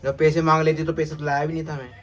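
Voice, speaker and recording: Racing along in a fairly high, level voice, a vlogger dad narrates casually to his phone camera outdoors on a rooftop and through a street market. He's chatty and keeps pointing things out, while traffic and street noise fill the background.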